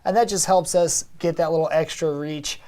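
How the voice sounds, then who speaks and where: A woman co-hosting a live web show, speaking in a low voice for a woman. She talks in a loose, conversational way and leans on small fillers as she gives her opinions. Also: steady tone, normal speed, dark tone. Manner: conversational, fillers like "you know" and "um". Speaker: co-host of a social media show. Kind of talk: live web broadcast, casual discussion.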